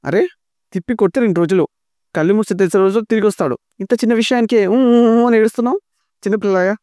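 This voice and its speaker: Guy voicing a sarcastic joking young in-law, higher voice, quick. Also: darkish tone, dry recording, studio quality, natural voice. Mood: teasing. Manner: teasing, sarcastic.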